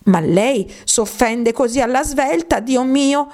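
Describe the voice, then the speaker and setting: A woman voicing Alice, a polite, eager young girl who is quick to apologize. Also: sits high, darkish tone, pitched above the performer's own voice. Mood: earnest. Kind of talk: storybook reading.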